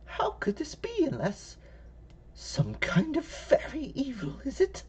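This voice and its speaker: A man doing a shrill scolding little old woman. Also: huge pitch swings, slow, heavily acted. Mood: fearful. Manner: scolding, cackling, suspicious.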